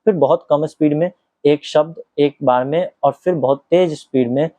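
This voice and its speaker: A man from Bihar, India, with a fairly high but dark voice, reads an acting book aloud at a normal pace like a teacher, breaking into casual explanatory asides. He moves between careful reading and relaxed commentary, often checking in with "ठीक है?". The recording is dull, lo-fi and dry.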